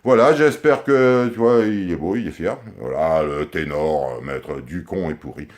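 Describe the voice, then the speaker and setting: A man's voice: low voice, moderate pace. A man in a rambling comic monologue, telling crude jokes in a confiding way as he records a video message to his daughter. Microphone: handheld camera close up.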